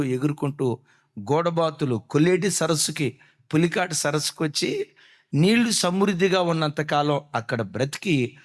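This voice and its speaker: A man with a high voice preaches a sermon. His delivery is dramatic, with sudden drops and rises as he acts out prayers, and he keeps putting rhetorical questions to the congregation. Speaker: pastor.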